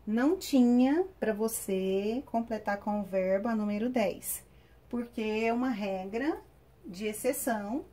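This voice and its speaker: A woman teacher with a Brazilian Portuguese accent giving a recorded online class, spelling out grammar rules slowly and step by step. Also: fairly high pitch, warm tone. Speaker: English teacher.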